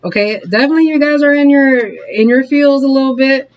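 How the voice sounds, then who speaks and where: A tarot reader gives a casual, encouraging reading to camera in a high, slightly fast voice, captured in a muffled recording. Chatty and quick to laugh, they keep checking in with the audience with "okay?" and "all right?".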